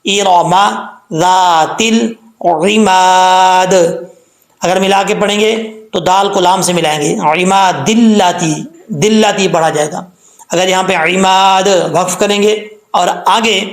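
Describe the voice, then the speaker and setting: High-voiced man teaching chanted recitation. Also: a bit bright, reverberant. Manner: explains letter sounds, then repeats them drawn out and sung; says "ok" and "theek hai" between points. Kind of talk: tajweed lesson with slow chanted recitation.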